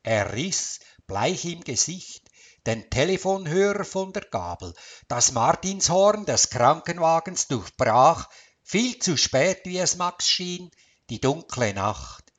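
Male narrator, slow, lively read-aloud with a dramatic, expressive delivery. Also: on the high side, breathy edge.

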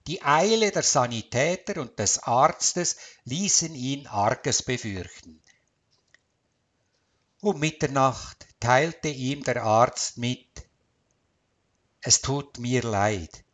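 Male narrator, slow, lively read-aloud with a dramatic, expressive delivery. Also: medium pitch.

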